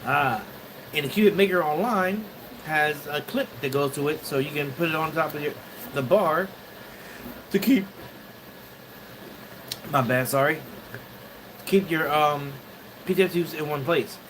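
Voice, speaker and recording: A man casually chatting on a livestream from his home studio, rambling and halting as he greets viewers. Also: fairly high pitch, fairly bright tone, a little hiss or hum, low-quality recording. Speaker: 3D printing livestreamer.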